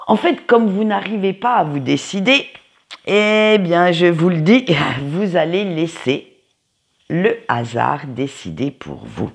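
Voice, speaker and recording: A tarot card reader with a noticeable accent gives a casual weekly forecast from home by a window, in an unhurried, sing-song manner. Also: mid-range voice, gravelly, husky. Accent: non-standard French accent, kind not stated. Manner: unhurried, sing-song, frequent "hein" tags. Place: home, by a window facing a tree.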